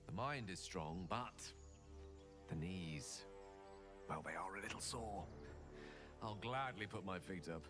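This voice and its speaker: An actor playing a genial, weary scholarly adventurer in a fantasy game, gentle and wry. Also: male voice, sits low, a little slow, long pauses, over music. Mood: wryly weary. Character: genial, weary scholarly man, mildly self-mocking adventurer. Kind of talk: fantasy video game acting.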